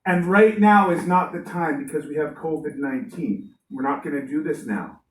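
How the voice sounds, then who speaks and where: A woman teacher telling a lively story to children in a classroom, playing up the characters' voices. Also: deep voice, normal speed. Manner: lively, animated, playful voices. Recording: roomy room, distant mic, faint noise.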